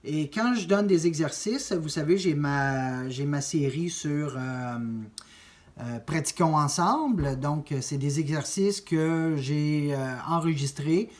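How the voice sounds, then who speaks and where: A man's voice: fairly high pitch, takes it slowly. A man teaching a drum lesson, explaining note values step by step and counting beats aloud. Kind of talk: music lesson.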